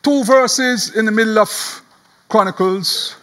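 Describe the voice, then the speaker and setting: A man preaching a sermon as a pastor, animated and chuckling as he tells the story, often repeating words. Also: high-pitched, slow pace.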